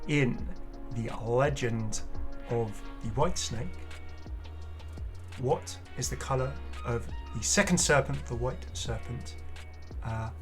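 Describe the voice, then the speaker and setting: A man who hosts a gaming channel gives casual, unscripted reaction commentary on game cosmetics in a mid-range voice. He speaks slowly but is chatty and enthusiastic, prone to exclamations, with soft music playing behind him.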